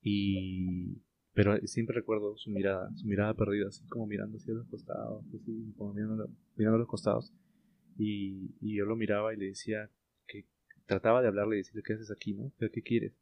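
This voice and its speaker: Low-voiced man telling a story, hesitant. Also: level tone, fairly quick, gravelly, a little hiss or hum. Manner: hesitant, many fillers and restarts. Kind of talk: casual chat. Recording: lo-fi muffled sound.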